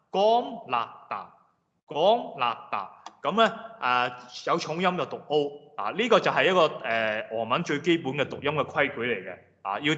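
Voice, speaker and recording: A male language teacher gives a patient classroom lecture with a bright, forceful tone. He explains step by step and slowly repeats example words. His voice carries a long hall reverb. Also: mid-range voice. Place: lecture room. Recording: reverberant hall, dull lo-fi sound.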